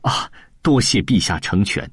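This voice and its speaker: Guy doing a nervous humble monk begging the king, husky voice. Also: lowish voice, lively intonation, a little slow, dry recording, studio quality. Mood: deferential. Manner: pleading, flustered. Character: timid pious monk, male. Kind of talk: storybook audiobook voice acting.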